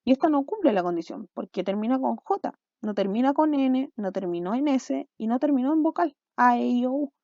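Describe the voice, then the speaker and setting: A woman's voice: a little high, animated, brisk, hardly any pauses, mellow, no room sound, highs cut off. Woman teacher explaining grammar. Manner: explanatory, checks in with "¿ya?" and "¿cierto?". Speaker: school language teacher. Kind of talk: recorded video lesson.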